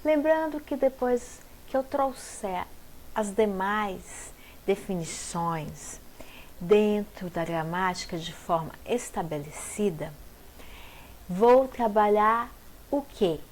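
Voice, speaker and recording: A woman's voice: medium pitch, a little hiss or hum. A woman teacher giving a grammar lesson, sounding out words syllable by syllable and asking rhetorical questions. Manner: slow, deliberate syllable-by-syllable explanations with rhetorical questions.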